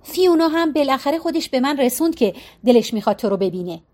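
A woman voicing an anxious middle-aged mother speaking earnestly and quietly on the phone in an audiobook. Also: high-pitched, animated. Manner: hushed, earnest.

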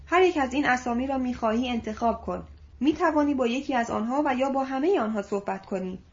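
A woman reading as a calm, assured older manager. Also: high-pitched, natural voice. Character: confident older male company manager. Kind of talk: audiobook reading. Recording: dull lo-fi recording.

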